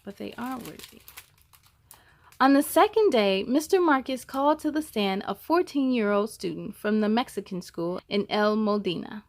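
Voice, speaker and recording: A story-time host reads a children's picture book aloud in a mid-range voice. Her delivery is deliberate and expressive, like a storyteller's.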